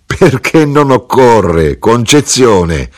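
A man's voice: sits low, wildly swooping pitch, takes it slowly, full character voice. A man reading an audiobook and voicing a bashful widow of nearly forty who laughs and protests. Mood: coy.

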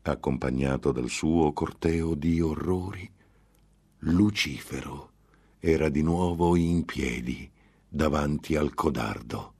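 A man's voice: extremely low pitch, slow pace, vocal fry, darkish tone, slightly rough. A man narrating a gothic tale in a grave, dramatic audiobook reading.

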